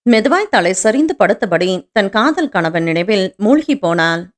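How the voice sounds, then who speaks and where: Woman audiobook narrator, radio presenter, expressive, very animated pitch. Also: moderate pace. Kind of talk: scripted romance audiobook narration.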